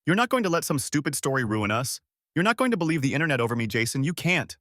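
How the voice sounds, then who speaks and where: A man's voice: on the high side, very animated, fast talker, fairly bright tone, dry recording, studio quality, voice pushed up. A man reading the lines of a defensive, angry young woman in a story. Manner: heated, accusing.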